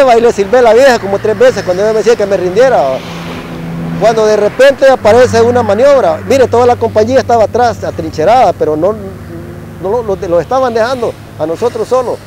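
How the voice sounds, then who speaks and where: High-voiced Salvadoran man telling a war story. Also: darkish tone, slight background noise, poor audio. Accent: Salvadoran Spanish. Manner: tags nearly every phrase with "va", mimics gunshots. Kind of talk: casual spoken storytelling.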